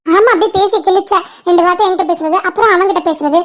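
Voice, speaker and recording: A lonely, sulking young woman in a cartoon, as a woman voices her. Her very high voice whines and grumbles at her friends and their sweethearts. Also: quick pace. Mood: grumbling. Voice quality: whiny and grumbling. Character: sulky lonely young woman missing her faraway lover. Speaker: friend on an outing. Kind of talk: animated cartoon voice acting.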